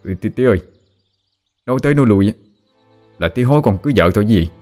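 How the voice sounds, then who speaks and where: A man's voice: lowish voice, lively intonation, fast, darkish tone, faint music behind, natural voice. A man with a Southern Vietnamese accent voicing an exasperated grown son who protests against his father. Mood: protesting. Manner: protesting, raised voice.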